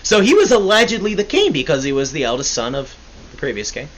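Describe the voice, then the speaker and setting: A man's voice: on the high side, huge pitch swings, quick pace, fairly bright tone, rough recording. A young man hosting a casual history podcast, rambling and joking, often correcting himself. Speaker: podcast host. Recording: faint hiss.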